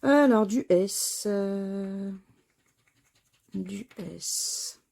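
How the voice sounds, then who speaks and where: Gravelly-voiced woman spelling letters. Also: medium pitch, warm tone. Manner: spells out letters slowly, chatty asides to viewers. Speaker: scratch-card vlogger. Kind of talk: casual commentary while scratching tickets.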